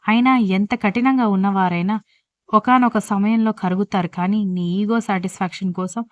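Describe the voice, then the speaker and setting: A woman's voice: mid-range voice, fairly even intonation, normal speed, no echo, close to an everyday voice. Woman reading as a stern scolding husband. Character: stern angry older husband, blunt. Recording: dull dry lo-fi recording.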